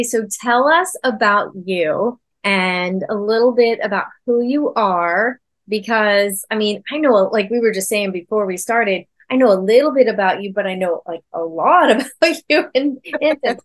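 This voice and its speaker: A woman's voice: a little high, normal speed, few pauses. A woman hosting a podcast, speaking in a casual, affirming way and encouraging her guest. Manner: affirming and encouraging, short backchannels. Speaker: podcast host. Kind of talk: casual conversational interview.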